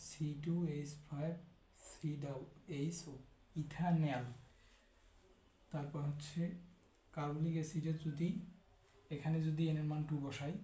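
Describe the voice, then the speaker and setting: A man teaching chemistry in a steady, explanatory way, repeating each term as he goes. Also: a little high. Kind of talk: classroom lecture. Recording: echoey room.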